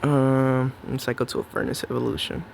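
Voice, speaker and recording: A young man gives brisk, jokey live commentary on a match he's playing, chatting to himself and his opponent. His medium-pitched voice is gravelly and level, with slight background noise.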